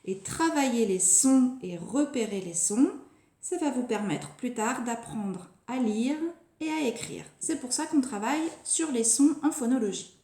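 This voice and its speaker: A woman teaching a phonics lesson to young children, stretching and repeating each word slowly and deliberately. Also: a little high, expressive, dark tone. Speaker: preschool teacher. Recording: echoey room.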